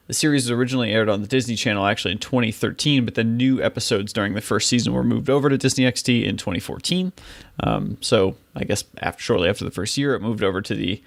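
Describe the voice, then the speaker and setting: A man's voice: medium pitch, creaky, a bit bright. A man hosting a podcast in a casual, conversational style. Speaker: podcast host. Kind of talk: casual chat.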